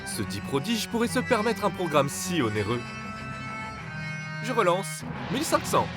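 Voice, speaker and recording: A man's voice: sits high, big pitch swings, normal speed, over loud music. A man playing a composed, shrewd cartoon father who speaks in a formal, precise, dryly ominous way. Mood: probing. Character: composed, shrewd, calculating father at a poker table. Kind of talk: animated cartoon dialogue.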